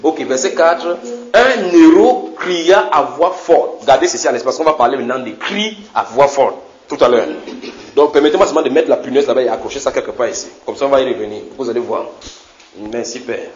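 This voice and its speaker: Man, preacher, sermon teaching, animated, repeats himself, questions the congregation, roomy church echo. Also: medium pitch, fast talker, muffled recording.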